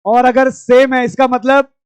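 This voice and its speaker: High-voiced male teacher shouting in class. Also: little pitch movement, unhurried, clean tone, no room sound. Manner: loud, scolding and coaxing students. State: strained throat. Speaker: chemistry teacher. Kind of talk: classroom lecture.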